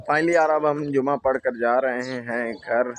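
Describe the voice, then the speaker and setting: A man's voice: mid-range voice, fairly even intonation, unhurried. Chatty Punjabi village vlogger man. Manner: chatty, jokey, keeps urging viewers to subscribe. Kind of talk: casual vlog talk to camera. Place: outdoors in a village, walking. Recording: noisy outdoor phone recording.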